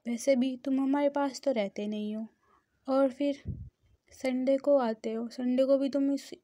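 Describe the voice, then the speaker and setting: A woman's voice: high-pitched, mellow, dry recording, studio quality. A woman voicing a blunt, teasing young man who reproaches his friend, in a storybook reading.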